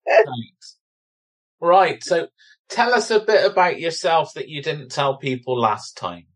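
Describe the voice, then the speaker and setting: Male podcast host, Bristolian accent, relaxed conversational delivery with a teasing edge. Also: on the high side, slow pace. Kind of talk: casual, teasing chat.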